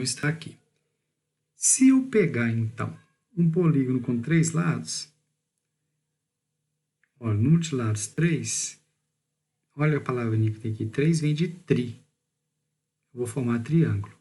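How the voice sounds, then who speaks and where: Man teaching geometry, mellow voice. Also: medium pitch, animated. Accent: Brazilian Portuguese. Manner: explains step by step, stretching key words slowly; checks in with "beleza?", "tá bom?", "ó". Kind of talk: recorded math lesson over slides.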